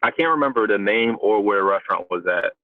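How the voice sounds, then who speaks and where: A man's voice: fairly low pitch, animated, quick pace, no room sound. A man co-hosting a podcast in casual chat, rambling loosely and filling his talk with "like". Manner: rambling, packed with "like". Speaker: podcast co-host. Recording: dry, phone-like audio.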